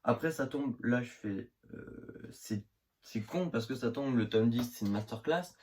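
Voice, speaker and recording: A man's voice: medium pitch, unhurried, darkish tone. Young northern French man, slangy rambling. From northern France. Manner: rambling with many fillers and slang. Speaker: manga vlogger. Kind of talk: casual video chat about his manga collection. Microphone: phone camera. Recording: phone recording with faint hiss.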